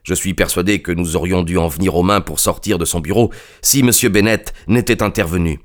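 A man narrating a classic story in a measured, literary manner. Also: low voice. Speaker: audiobook narrator. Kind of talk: scripted narration.

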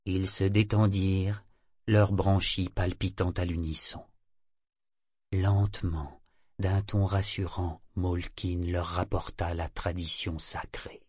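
A man reading an audiobook in an even, measured storytelling manner. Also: sits low, husky, dry recording, studio quality. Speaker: audiobook narrator. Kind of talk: scripted narration.

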